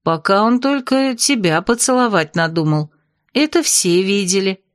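Woman reading as a calm young tsarevna. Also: medium pitch, moderate pace, dry recording, clean studio sound, lightly acted. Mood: evasive.

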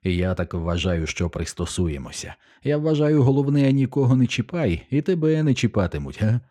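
A man's voice: medium pitch, big pitch swings, moderate pace, warm tone, voice pushed up. A man reading an audiobook, voicing a timid, worried middle-aged blacksmith who mumbles anxiously. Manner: mumbling, anxious, plain-spoken.

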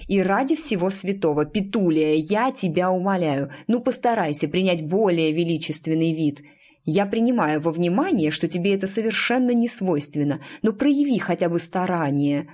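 A bossy young witch girl, as a woman reader puts her on, haughty and commanding, her pitch swooping up in scolding questions. She draws words out in a superior tone, in a storybook reading. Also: animated, a little mellow. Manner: commanding, correcting, drawn-out and haughty. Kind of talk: audiobook character voice.

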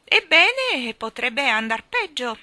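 A woman voicing an eccentric, bossy old woman with a shrill, squawking voice, speaking in emphatic, drawn-out exclamations. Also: sing-song, bright, forceful tone, no room sound, full character voice.

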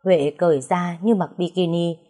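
A woman narrating a story in a brisk, lively reading, switching voices for the characters. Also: on the low side.

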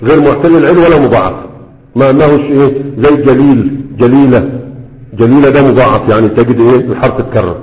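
Egyptian male grammar teacher, chatty explainer who reads verses slowly and quizzes the class, dull lo-fi echoey room sound. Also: mid-range voice. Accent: Egyptian Arabic.

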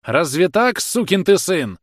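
A man's voice: big pitch swings, unhurried, no echo, studio quality, full character voice. A man doing a shrieking brutal police officer. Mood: outraged. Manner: shrill, shrieking and hoarse when angry.

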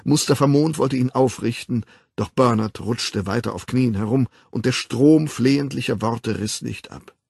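A man narrating a novel as an audiobook reader, with expressive storytelling on a close studio mic. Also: medium pitch, moderate pace, gravelly, slightly rough, dry recording. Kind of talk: scripted narration.

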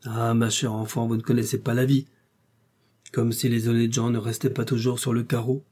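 A man's voice: mid-range voice, level tone, normal speed, warm tone, husky, natural voice. A man reading aloud, voicing an elderly countess who talks in an outspoken, teasing way. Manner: exclamatory, teasing.

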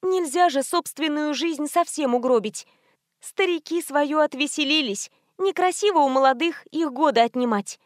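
Narrating a storybook, a woman plays a chatty young nurse, lifting her natural voice high and sweet as if eager to please. She speaks at a moderate pace, and the sound is dry and close with no echo.

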